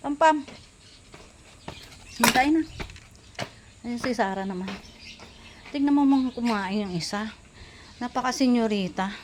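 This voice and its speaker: A woman's voice: a little high, unhurried, pauses often, slight background noise. A woman vlogging while she feeds her dogs outdoors at a rural home, out of breath and chatty, calling to each dog by name. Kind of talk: casual vlog, talking while feeding dogs.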